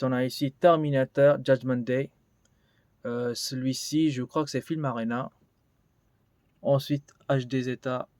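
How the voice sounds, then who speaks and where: A man's voice: mid-range voice, a little mellow, no room sound. A man giving a casual vlog tour of his collection, rambling and thinking aloud with many fillers. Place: indoors in a collection room.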